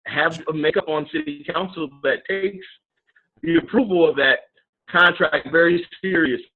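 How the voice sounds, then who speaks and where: A man's voice: on the high side, animated, moderate pace. Earnest male guest on a thin, phone-like call line with dropouts and uneven volume. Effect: audio cutting out, uneven volume. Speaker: city council candidate guest. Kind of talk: remote interview conversation. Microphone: video call. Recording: tinny, choppy video call line.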